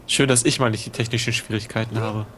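A man's voice: fairly low pitch, steady tone, fairly bright tone. Easygoing male co-op gamer. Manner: easygoing, quick agreeing remarks. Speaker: co-op player. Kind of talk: casual gameplay commentary.

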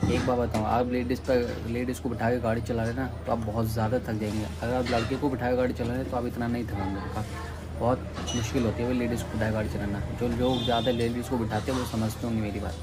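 A young male vlogger talks fast in a medium-pitched voice that barely rises or falls, with heavy noise behind him. In his casual daily vlog he chats away, calling viewers "brother" again and again, filmed on a phone held at arm's length on an outdoor rooftop and in a small room at home.

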